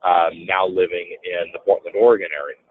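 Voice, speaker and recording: This guest, a businessman in real estate, speaks low and fairly fast with a breathy edge as he recounts a story during a relaxed interview. He gets animated, raising his voice to play out what others said, over thin, phone-like sound.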